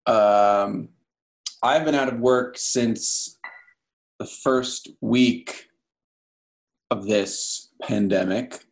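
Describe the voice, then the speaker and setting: A man's voice: on the low side, extremely slow, gravelly, long pauses, rough recording. A man guest on a casual podcast, talking in an easygoing way. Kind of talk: casual chat.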